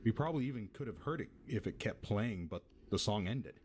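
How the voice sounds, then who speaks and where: A man's voice: fairly low pitch, expressive, a little fast, a little mellow, slight background noise, close to an everyday voice. A man with an American accent playing a laid-back, foul-mouthed tenant who rambles through an eerie story in casual audio-drama style. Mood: intrigued.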